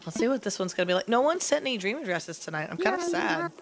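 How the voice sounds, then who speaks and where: A young adult woman streaming from home, chatting candidly with a raspy, sick voice and clearing her throat now and then. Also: a little high, big pitch swings, quick pace, background noise. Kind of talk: casual live-stream chat. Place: at home, near bed.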